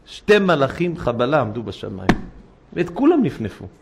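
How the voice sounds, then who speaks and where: Male rabbi, gravelly fry, mid-range voice, storytelling sermon, lively quoted dialogue, impassioned peaks. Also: mid-range voice, noisy background. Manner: storytelling, acting out dialogue, rising to impassioned exhortation. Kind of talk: sermon with anecdotes.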